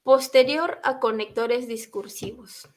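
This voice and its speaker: A woman's voice: fairly high pitch, measured pace. A young woman from Peru, a university student giving a class presentation in an explanatory way, often adding a short tag question.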